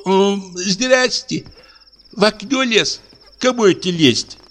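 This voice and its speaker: A man voicing an indignant, sharp-tongued female cook, cheeky and complaining. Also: sits high, expressive, slow pace, pitched above the performer's own voice, heavily acted.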